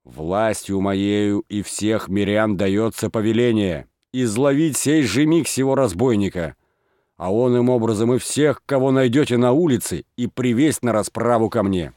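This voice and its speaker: A man voicing a pompous old village head who shouts orders in an audiobook reading. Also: on the low side, measured pace, no room sound, clean studio sound, natural voice. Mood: raging. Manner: blustering, commanding, shouting orders.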